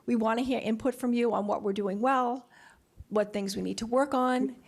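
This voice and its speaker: High-voiced, creaky woman giving a welcome speech. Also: fairly even intonation, moderate pace, a little mellow. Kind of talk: welcome speech at a community forum.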